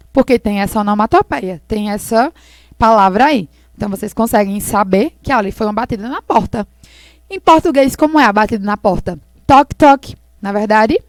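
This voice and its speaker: A woman English teacher explaining slowly and patiently, repeating words for her students in a recorded lesson. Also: on the high side, no room sound.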